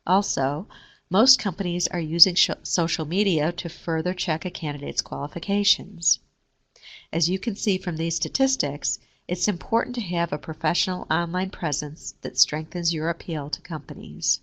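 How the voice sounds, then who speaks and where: A woman reading a scripted careers lesson in a steady, measured way. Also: on the low side. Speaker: career services presenter. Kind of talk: scripted instructional narration.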